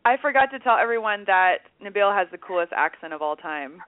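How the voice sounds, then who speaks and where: A woman's voice: medium pitch, lively intonation, fairly quick, dry recording. Female radio host, chatty and effusive, dry phone-quality audio. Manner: effusive, informal. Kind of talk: casual chatty interviewing.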